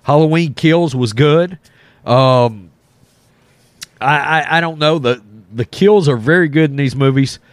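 A man's voice: a little high, measured pace, no echo. A man giving casual, blunt reaction commentary as a host, his voice thick from a cold and a sore, swollen throat. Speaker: host of a film reaction channel.

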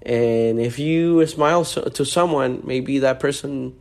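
A man's voice: mid-range voice, measured pace, darkish tone. Male podcast host from Honduras, mid-range voice, loose and friendly with lots of fillers. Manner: friendly, rambling, many fillers. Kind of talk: casual podcast chat. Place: Miami.

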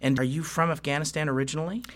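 A man's voice: on the high side, steady tone, rapid-fire. A man hosting an interview program, introducing his guest politely and asking questions. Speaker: interview host. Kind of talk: conversational interview.

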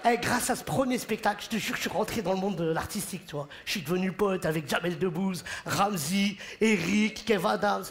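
A stand-up comedian, a man, performs an animated, joking routine on a theater stage and puts on voices for the people in his stories. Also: sits high, a little fast, few pauses. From Morocco. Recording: live show in a hall, audience laughter. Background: audience laughing and cheering.

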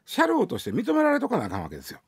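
A man's voice: sits high, wildly swooping pitch, rapid-fire, breathy edge, no room sound, studio quality. A man with a Kansai accent giving casual, colloquial news commentary, explaining things conversationally.

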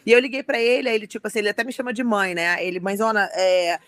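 A woman's voice: medium pitch, steady tone, racing, clean tone, dry recording. A woman telling an emotional story in casual chat.

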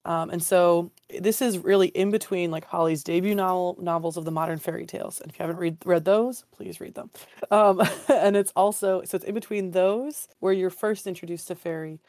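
Hoarse woman podcaster with a lowish voice. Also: fairly even intonation, fairly quick, darkish tone, dry recording, clean studio sound. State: hoarse, getting over a cold. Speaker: podcast co-host. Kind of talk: casual book discussion.

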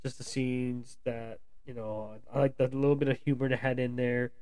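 A man's voice: medium pitch, flat delivery, normal speed, darkish tone, clean tone, dry recording. Rambling American man reviewing a film. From United States. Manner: rambling, loose, with many restarts and fillers. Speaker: movie reviewer. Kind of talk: casual spoken film review.

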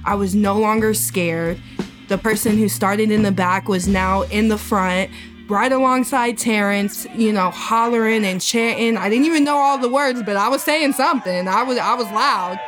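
A woman with a Midwestern American accent reflects on her own life in an earnest, heartfelt voice. Her pitch is ordinary. Soft music plays beneath the interview. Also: normal speed. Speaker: labor organizer, former fast-food worker. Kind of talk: interview storytelling.

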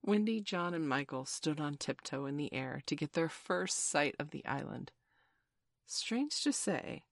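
A woman narrating a children's storybook in a measured, expressive reading voice. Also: low-pitched, dry recording, clean studio sound. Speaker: audiobook narrator.

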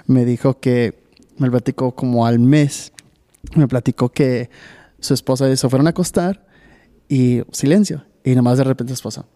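Male host, easygoing and slangy, mellow tone. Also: mid-range voice, moderate pace. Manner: relaxed, slangy, swears casually. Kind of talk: casual conversation.

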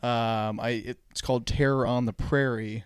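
Smooth-voiced young man rambling casually. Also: mid-range voice, steady tone, measured pace, dry recording, studio quality. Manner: rambling, filler-heavy. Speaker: podcast co-host. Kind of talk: casual chat.

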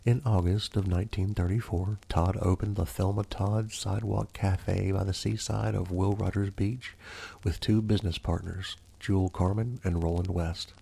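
A man hosts a true crime podcast as an ASMR narrator. His voice is very low and gravelly, with a dark, mellow tone. He phrases things like a formal, theatrical storyteller. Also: steady tone, moderate pace. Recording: faint music behind the voice. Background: faint music.

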